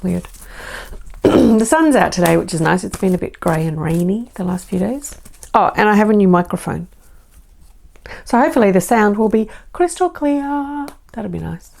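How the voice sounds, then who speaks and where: Australian woman, oracle card reader, casual rambling chat, very gravelly voice, mellow tone. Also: mid-range voice, expressive, normal speed. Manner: chatty and rambling, with self-deprecating asides. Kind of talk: casual spoken intro to a card reading.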